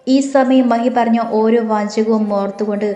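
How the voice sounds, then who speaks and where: A woman narrating a romantic audiobook story in a calm, even, gentle reading. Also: a little high, moderate pace, highs cut off. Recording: roomy with faint music.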